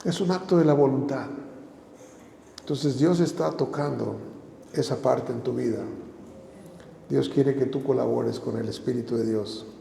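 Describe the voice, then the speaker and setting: A man's voice: medium pitch, unhurried, creaky, pauses often, warm tone, echoey room, in a large hall, slight background noise. A man preaching a sermon as pastor, exhorting the listeners with repeated phrases and rhetorical questions.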